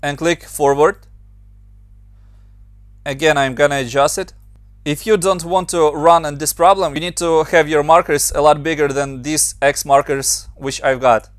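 A motion designer and tutorial maker with a Ukrainian accent walks through a screen-recorded software tutorial patiently, step by step, in plain instructions with slightly non-native grammar. His voice is a bit higher, steady in tone, at normal speed, recorded very dry on a close mic.

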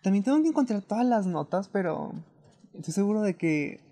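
A man's voice: high voice, sing-song, brisk, dark tone. A man with a Latin American Spanish accent giving casual, hesitant, self-doubting commentary as he streams a video game.

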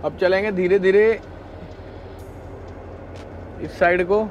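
Slow and high-pitched, this man from India vlogs about trucking on audio with the highs cut off and a little hiss or hum. He chats casually and animatedly, addressing viewers as brother, from the truck cab and a snowy outdoor yard.

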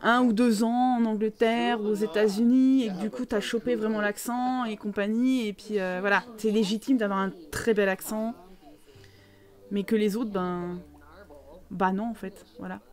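A woman's voice: medium pitch, fairly even intonation, normal speed, darkish tone. A young French woman chatting casually with her live chat while playing a life-simulation game, rambling with many fillers. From France. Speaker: streamer.

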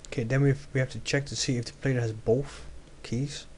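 A man's voice: medium pitch, fairly even intonation, a little fast, darkish tone. Young man, coding tutorial, thinking aloud, self-correcting, faint hiss. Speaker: game development tutor. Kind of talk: screen-recorded coding tutorial.

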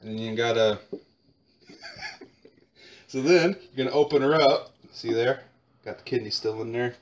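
Young man, deadpan mock cooking show. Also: medium pitch, unhurried, dull audio, slight background noise. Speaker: home cooking video host. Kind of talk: joking cooking tutorial. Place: home kitchen.

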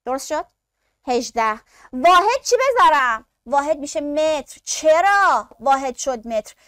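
A woman's voice: sits high, very animated, fairly bright tone, no echo, clean studio sound. A woman teaching a science lesson who asks the class questions, answers them herself, and speaks to her students affectionately. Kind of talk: classroom lecture.

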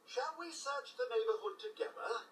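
A man's voice: very high voice, sing-song, normal speed, a bit bright, a little hiss or hum, heavily acted. An actor voicing a loyal, formal male robot butler with a robotic filter, in roomy, distant game audio with music. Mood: dutiful. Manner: formal, stammering courtesy.

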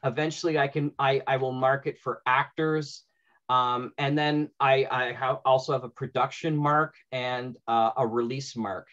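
Unhurried and fairly even in intonation, this middle-aged man's medium-pitched voice has a slightly bright quality. He's hosting an informal panel from an indoor room at home, an audio drama writer musing conversationally over a video call with dull lo-fi sound.

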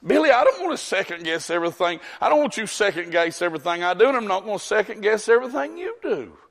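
A man's voice: high voice, very animated, fast talker, vocal fry, a bit bright. A man preaching a folksy storytelling sermon, calling on congregants by name. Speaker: pastor. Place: church sanctuary. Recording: long church hall reverb.

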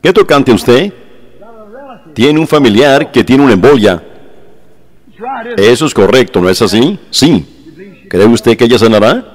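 A man voicing a translated sermon, fervent, exclaiming praise and speaking straight to his listeners, slowing down for emphatic phrases. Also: mid-range voice, lively intonation. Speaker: preacher.

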